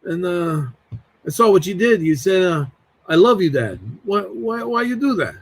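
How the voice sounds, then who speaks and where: A man putting on a stern older Italian-American uncle, gruff and blunt, who sounds set apart from the teller. The voice lands a bit back from the mic, as if in a storyteller's aside. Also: sits high, lively intonation, normal speed. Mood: suspicious.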